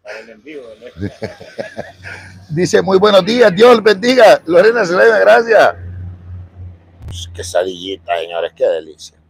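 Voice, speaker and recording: A man's voice: high-pitched, wildly swooping pitch, measured pace, creaky, long pauses, slightly rough. A man with a Salvadoran Spanish accent livestreaming from a city street, chatting with viewers and greeting them by name. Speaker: livestream vlogger. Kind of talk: casual live street stream.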